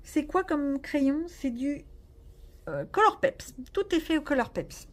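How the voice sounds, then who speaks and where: A woman with a high-pitched voice and big pitch swings takes her time as she chats casually in a vlog about her coloring pages. She rambles, jokes at her own expense and uses lots of fillers.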